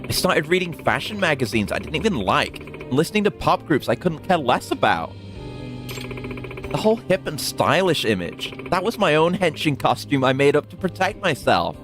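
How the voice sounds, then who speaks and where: A man's voice: fairly high pitch, very animated, normal speed, over music. A man voicing a trendy young woman who hides her nerdy side, reading game subtitles aloud in a light, playful voice. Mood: earnest. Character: trendy young woman, secretly a shy nerd.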